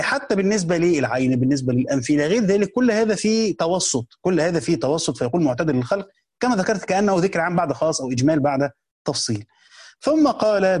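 A man's voice: a little high, a little mellow, breathy edge. A man with an Egyptian accent explaining a classical text in a colloquial lesson, repeating key phrases and restarting words as he goes. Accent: Egyptian Arabic. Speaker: teacher of a hadith book.

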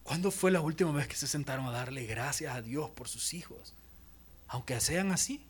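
A young man preaching a sermon as pastor, animated, acting out voices and dropping to near-whispers. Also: medium pitch, normal speed, husky.

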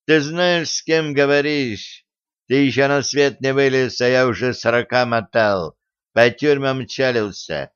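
A man's voice: medium pitch, clean tone, dull audio, lightly acted. A man doing Vova, a drawling teen thug. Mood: boastful. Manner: slow, drawling, menacing. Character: swaggering teen thug, bully boasting of prison.

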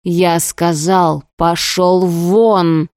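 A woman's voice: fairly low pitch, measured pace, darkish tone, no echo, studio quality, natural voice. A woman voicing an angry young man, a protective older brother who talks harshly through gritted teeth in an audiobook. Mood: furious. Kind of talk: audiobook dialogue.

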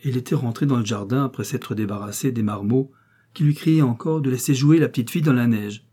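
Husky, mellow male storyteller. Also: mid-range voice, brisk. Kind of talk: scripted story narration.

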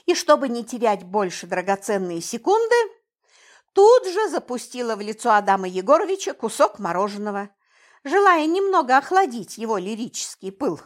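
A woman narrates an audiobook in the first person, with a high, expressive voice. Her pitch moves a lot as she tells the story. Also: normal speed.

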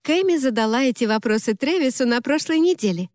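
A woman's voice: high-pitched, lively intonation, fairly quick, a little mellow, dry recording, studio quality, pitched above the performer's own voice. Brash teasing party girl, voiced by a woman. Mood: playful. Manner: exclaiming, brash, mock-scolding. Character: lively teasing young woman, bossy party friend. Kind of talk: audiobook character voicing.

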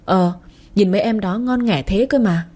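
Woman reader doing a pouting jealous young wife, mellow and husky, audiobook. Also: mid-range voice, normal speed, lightly acted. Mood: sulky. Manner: pouting, complaining. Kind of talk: audiobook character reading.

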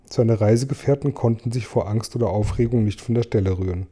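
Man with a very dark mellow voice. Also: on the low side, brisk. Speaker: reader. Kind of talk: storybook read-aloud.

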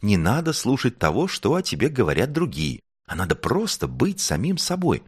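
A man's voice: mid-range voice, huge pitch swings, moderate pace, breathy edge, dry recording, clean studio sound, voice pushed up. A man voicing a curious, brave little girl star in a storybook, eager and chirpy. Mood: spirited. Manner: eager, chirpy, sometimes shouting. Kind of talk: storybook reading.

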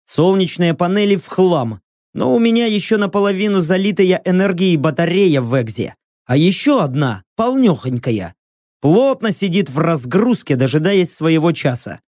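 A man's voice: high-pitched, animated, moderate pace, a little mellow, no echo, studio quality. A man narrating a fantasy novel audiobook with an intense, rousing delivery. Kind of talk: dramatic audiobook reading.

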